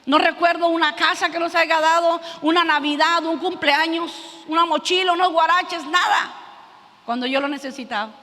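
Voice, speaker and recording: A woman preaches from the front of a church, her voice sharp and bright. She tells her story in an earnest, halting way, often restarting her sentences. A long reverb from the hall trails after her words. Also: extremely high pitch, steady tone. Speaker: preacher giving testimony. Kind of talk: sermon testimony.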